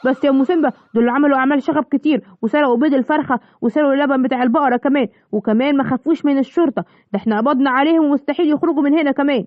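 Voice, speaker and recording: A woman's voice: high voice, rapid-fire, dry recording, lightly acted. Woman doing a stern Egyptian police officer. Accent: Egyptian Arabic. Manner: officious, lecturing. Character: male police officer, stern but soft-hearted. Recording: dull lo-fi, clear background noise.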